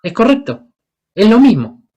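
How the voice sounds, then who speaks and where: A man's voice: sits high, very animated, a little slow, dark tone, highs cut off. A man from Paraguay, preaching a sermon and asking the congregation questions as he acts out the Bible characters. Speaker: guest preacher.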